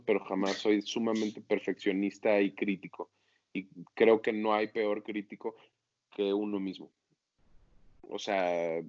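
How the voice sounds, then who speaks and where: A man's voice: on the low side, dry recording, highs cut off. A man, an actor being interviewed, talking casually and acting out his own self-critical inner voice.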